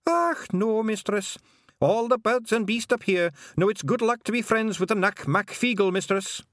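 A man's voice: sits high, expressive, moderate pace, a bit bright, no echo, studio quality, voice pushed up. A man voicing a tiny, shy, polite pixie man in a kilt, speaking with a Scottish accent and deferring to his mistress. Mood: chatty. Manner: hesitant, deferential.

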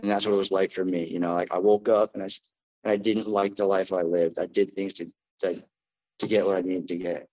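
A deep-voiced American man talks in front of an audience, giving personal testimony. His delivery stays fairly flat and unadorned, with halting phrases. The recording is dull and lo-fi. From New Jersey, United States. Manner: addressing a live group, plainspoken, halting. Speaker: speaker at a recovery meeting.

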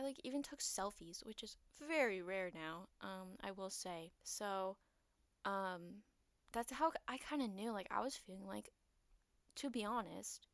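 A woman's voice: medium pitch, dry recording. A young woman talking alone on her podcast, rambling with lots of fillers, her voice a little shaky and nervous. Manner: rambling, filler-heavy, self-deprecating. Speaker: podcast host. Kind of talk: casual solo podcast monologue.

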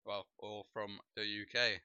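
A young adult streamer and podcast host from Poland, a native Polish speaker, has an unhurried, lowish voice with a clear, resonant tone. His casual livestream talk is laid-back and meandering, padded with "like" and "bro." The dull lo-fi home mic captures no room sound.

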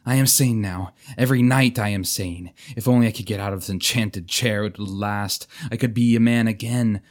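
A man's voice: medium pitch, unhurried, darkish tone, voice pushed up, natural voice. A man reading aloud, voicing a tormented young knight who begs to be freed, his pleading rising toward shrieks.

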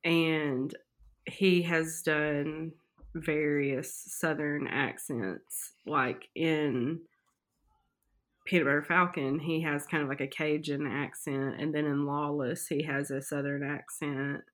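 A woman's voice: deep voice, steady tone, slow. A woman chatting casually with a friend, hedging her gossip with "like" and "supposedly". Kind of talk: casual chat.

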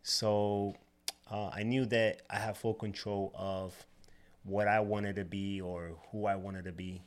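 Laid back barber guy from the dominican republic, low voice, lots of you know and uh. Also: little pitch movement, a little slow. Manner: easygoing, loose with fillers like you know and uh. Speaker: barber and shop owner. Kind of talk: casual interview.

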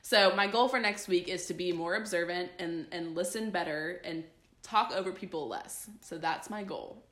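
A woman's voice: lowish voice, a bit bright. Podcast co-host, woman in her 20s, playful and teasing, roomy sound. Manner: playful, quick to tease and interrupt. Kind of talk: casual chat over wine.

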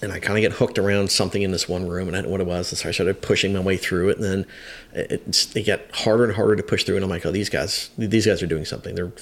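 A man's voice: low voice, flat delivery, racing. A man in his fifties, a veteran firefighter, telling a long story in a podcast chat, rambling with hesitant restarts. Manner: rambling, hesitant, many restarts, acts out quotes. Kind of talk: conversational storytelling.

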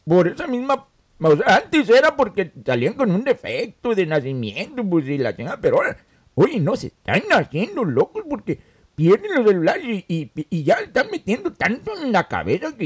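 A man's voice: sits high, wildly swooping pitch, moderate pace, breathy edge, no echo, clean studio sound, exaggerated voice. A man voicing Don Machín, a crude, joking Mexican character with a Mexican accent who tells rambling, foul-mouthed stories. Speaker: comic guest character.

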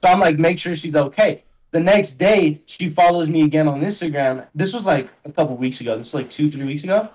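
A young man appears as a guest on a laid-back podcast, his voice pitched slightly high for a man. He talks briskly with few pauses, rambling through stories in loose slang and constantly reaching for "like" and "bro." The tone is darkish and the recording quality is poor.

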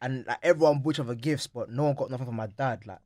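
Young london roadman guy chatting w mates, super quick, slangy, repeats himself, dry close sound. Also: mid-range voice, no echo. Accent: London, roadman street slang. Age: young adult. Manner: slangy, repeats phrases, animated storytelling. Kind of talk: casual banter in a group chat.

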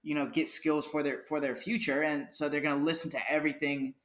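A young man co-hosting a casual opinion chat, emphatic and quick to agree, often restarting his sentences. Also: on the high side, level tone, a crowd in the background. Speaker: podcast co-host. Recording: echoey room.

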